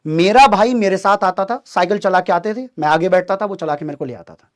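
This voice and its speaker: A young man telling a childhood story in a casual, animated way, acting out the voices of people in it and often laughing. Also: high voice, a little fast.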